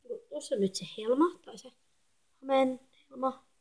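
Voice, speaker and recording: Soft-spoken young teen girl vlogging. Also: high voice. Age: 13-year-old girl. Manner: quiet, soft-spoken, rambling and chatty. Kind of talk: casual home vlog. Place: echoey bedroom at home. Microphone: phone camera.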